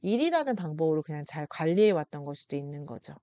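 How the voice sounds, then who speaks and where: A woman presenting a psychology talk, speaking gently and consolingly to her listeners, with slow pauses. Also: sits low, sing-song, smooth, dry recording. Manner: addresses listeners directly and warmly. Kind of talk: reflective explanatory talk to viewers.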